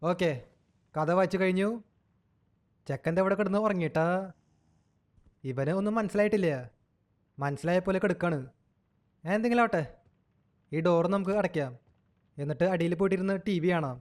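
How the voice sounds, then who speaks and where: High-voiced man teasing through game commentary. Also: brisk, pauses often. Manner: teasing, talks to the game baby like a child. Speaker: gaming channel host.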